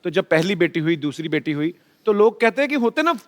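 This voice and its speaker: A man's voice: high-pitched, big pitch swings, a little fast. A man hosting a comedy talk show, teasing his guests and telling funny stories about his family. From Punjab, India. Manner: playful, teasing storyteller. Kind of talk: joking anecdotes and interviewing guests. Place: TV studio with a live audience. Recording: reverberant studio with audience murmur.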